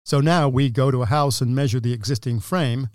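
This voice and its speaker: A man's voice: medium pitch, a little fast, no echo, studio quality. Assured English-born man in his sixties. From England. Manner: explanatory, detailed, assured. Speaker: guest, window company owner. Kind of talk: casual interview talk.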